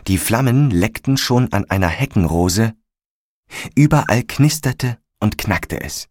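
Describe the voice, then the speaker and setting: A man narrating a story in a calm, measured audiobook style. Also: on the low side, no room sound, studio quality.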